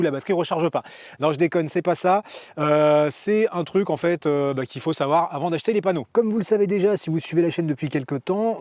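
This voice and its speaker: A man's voice: fairly high pitch, a little mellow, no room sound. A man hosting a casual explainer vlog, chatty and joking, with lots of fillers. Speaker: van life vlogger.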